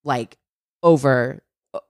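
A woman with a rumbling low voice co-hosts a casual podcast, taking her time on a dry, studio-quality recording. She tells a true crime story animatedly, full of "like" and the occasional swear word.

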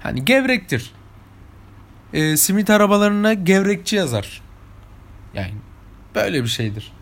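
This young man's high-pitched, gravelly voice swings widely in pitch at a moderate pace. A vlogger from İzmir, Turkey, with the local Turkish accent, he casually spins stories for his viewers in a chatty way.

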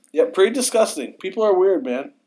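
A man's voice: sits high, animated, normal speed, a little mellow. A man co-hosting a podcast in a casual chat, answering with laid-back, dry quips. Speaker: podcast co-host.

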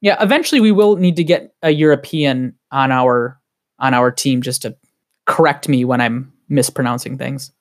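Excitable man with a Wisconsin accent. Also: mid-range voice. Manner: excited, heated, rapid rambling. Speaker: podcast guest. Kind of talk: casual podcast chat.

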